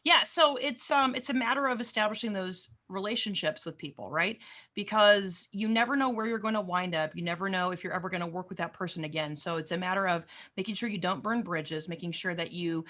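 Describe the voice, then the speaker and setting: A woman talking as a podcast guest, jokey and enthusiastic. She speaks quickly, and her voice is bright and forceful. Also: medium pitch. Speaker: podcast guest, cloud advocate. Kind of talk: conversational interview.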